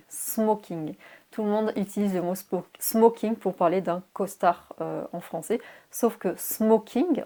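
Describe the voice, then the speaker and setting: Spelling each word one letter at a time, a young English teacher in a relaxed video lesson sprinkles in little fillers. Her mellow, mid-range voice has a slightly tired quality, and at one point she clears her throat.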